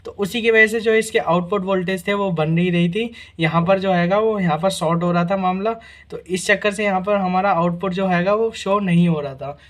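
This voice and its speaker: A man's voice: sits high, a little fast. A man hosting a repair tutorial, walking through each test step by step and often checking in with "guys" and "theek hai na". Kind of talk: casual hands-on repair demonstration.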